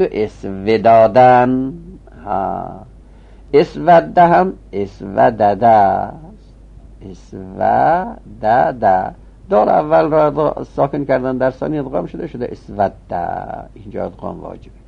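Man teaching grammar, gravelly husky voice, sing-song conjugation drills, muffled low-fi recording. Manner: chants verb conjugations in rising sing-song; drops to a low mutter on explanations. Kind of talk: recorded Arabic grammar lesson.

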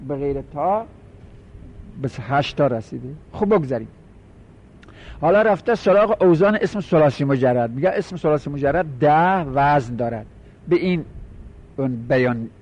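A man's voice: a little high, darkish tone. Man teaching in a muffled recording. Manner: explanatory, repeats terms, asks students quick questions. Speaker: teacher of Arabic morphology. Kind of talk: classroom lecture, explaining and counting forms.

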